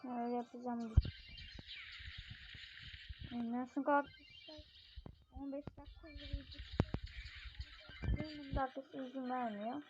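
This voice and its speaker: A woman giving excitable play-by-play commentary on a mobile game, talking straight to her viewers. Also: sits high, normal speed, pauses often. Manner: excitable, keeps addressing viewers. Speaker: gaming channel host. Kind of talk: live mobile gameplay commentary. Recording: dull lo-fi recording with steady noise.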